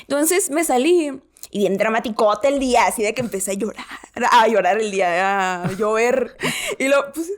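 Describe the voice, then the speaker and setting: A young woman with a Mexican accent, telling her personal story as a guest, lively and full of fillers. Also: a little high, normal speed. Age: young adult. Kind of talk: personal testimony.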